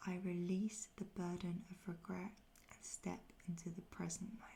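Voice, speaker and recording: A woman giving a whispered pep talk of ASMR affirmations in a soft, breathy near-whisper, slowly repeating phrases with pauses. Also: fairly low pitch, monotone, slight background noise.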